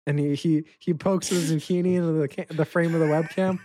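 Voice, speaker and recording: Laughing, higher-voiced male podcaster. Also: fairly even intonation, fairly quick, warm tone, a little hiss or hum. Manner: rambling, laughs often, swears casually. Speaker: podcast co-host. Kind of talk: casual chat about fighting.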